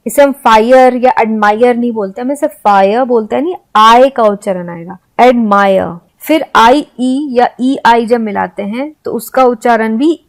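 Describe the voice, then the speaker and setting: A woman teaching English pronunciation, spelling out letters and example words slowly and deliberately. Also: on the high side. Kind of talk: spoken-English lesson.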